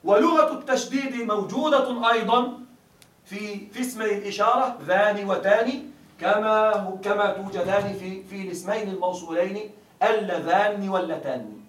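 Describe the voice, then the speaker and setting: High-voiced male teacher in an echoey room. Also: a bit bright. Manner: keeps asking students if it is clear; drawls example words slowly. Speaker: grammar teacher. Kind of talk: classroom lecture. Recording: echoey room, mic far off.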